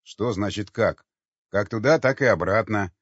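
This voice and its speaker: A man's voice: fairly low pitch, normal speed, no echo, lightly acted. A man voicing a weary, blunt expedition leader who talks with sarcastic exasperation. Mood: exasperated. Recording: dull lo-fi dry recording.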